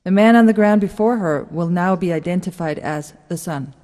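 Narrating stage directions from a script, a woman speaks at a normal speed. Her tone is mellow and a touch low, and a long hall reverb surrounds it.

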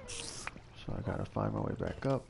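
A man's voice: mid-range voice, wildly swooping pitch, moderate pace, gravelly, noisy background. A man hosting a casual game session with his child, talking in a dry, teasing way. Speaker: let's-play host playing with his child. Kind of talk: casual gaming commentary. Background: loud game music.

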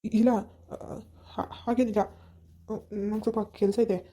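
A woman's voice: fairly high pitch, little pitch movement, mellow, close to an everyday voice. A woman playing a guilt-ridden young husband who is crying and stammers as he pleads, in an amateur village drama. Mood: tearful. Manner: halting, stammering pleas.

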